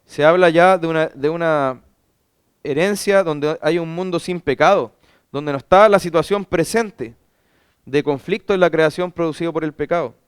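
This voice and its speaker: A man's voice: a little high, moderate pace, clean tone, dry recording, studio quality. A man, a pastor, teaching a Bible class; he reads scripture aloud and asks rhetorical questions that he then answers himself.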